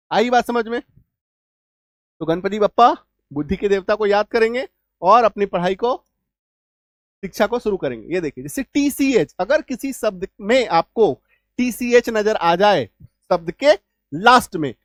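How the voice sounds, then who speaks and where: A male teacher explaining English spelling rules, spelling out letters slowly and often asking whether the class has understood. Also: high voice, animated, no room sound, studio quality. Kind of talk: spoken spelling lesson.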